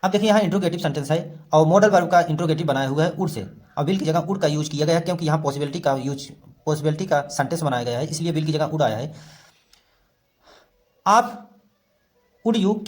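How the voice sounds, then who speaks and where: A man teaching English in a voice-over lesson, reading story lines slowly and then explaining them word by word. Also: a little high.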